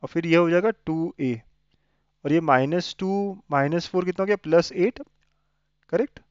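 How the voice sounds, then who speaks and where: A man's voice: on the high side, moderate pace, clean tone, no echo, lo-fi sound. A man teaching an exam revision maths lesson, coaxing students with frequent checking questions. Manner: coaxing, asks many checking questions, mixes Hindi and English.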